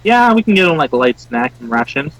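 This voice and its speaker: A man's voice: a little high, sing-song, quick pace, a bit bright, a little hiss or hum, poor audio. A man playing a tabletop game, jokey and offhand. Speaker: player. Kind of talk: casual tabletop role-play.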